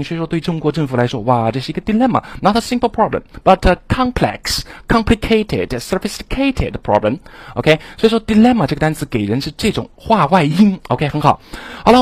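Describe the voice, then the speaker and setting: A man lectures on English words in an animated classroom manner, calling out to his students. His voice sits fairly high and the sound is dry and close. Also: no echo. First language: Chinese. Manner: animated, exclaims and addresses students directly. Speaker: English exam teacher.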